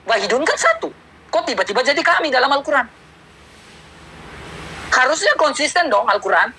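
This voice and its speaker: A man's voice: very high-pitched, sing-song, normal speed, sharp tone, a little hiss or hum, poor audio. A man challenging a religious teacher in a taunting, repetitive, mocking way. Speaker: debate challenger. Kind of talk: provocative debate challenge.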